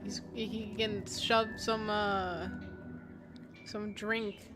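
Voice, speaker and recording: A woman's voice: mid-range voice, level tone, drawn-out words. A woman streamer reading a story aloud in narration, with casual asides. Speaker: streamer host. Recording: prominent music under the voice. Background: music.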